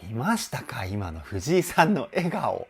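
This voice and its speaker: A male vocal coach analyzing a singer's cover, chatty and excitable, who apologizes for getting carried away and breaks into short sung demonstrations. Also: medium pitch, measured pace, gravelly, soft background music. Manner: excitable, chatty and self-deprecating. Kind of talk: song reaction and vocal analysis.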